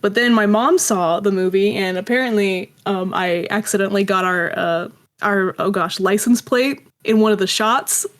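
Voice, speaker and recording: A woman who creates audio dramas shares personal anecdotes as an interview guest, rambling casually and poking fun at herself. Her voice is mid-range and her pace moderate.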